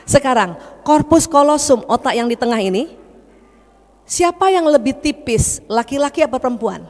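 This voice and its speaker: A woman's voice: sits high, moderate pace. Joking woman doctor in a reverberant hall. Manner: animated, joking, quizzes the audience. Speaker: doctor giving a seminar. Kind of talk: lively seminar talk to an audience of women.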